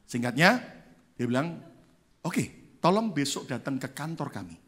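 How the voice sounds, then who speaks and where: A man's voice: mid-range voice, measured pace. A male pastor preaching a sermon, telling a story and acting out the people in it. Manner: lively storyteller who acts out the people in his story. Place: church.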